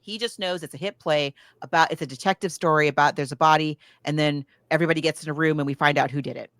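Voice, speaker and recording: This American podcast co-host talks fast in a deep, steady, slightly bright voice, casually recounting a film and acting out quoted lines. The studio-quality recording is dry.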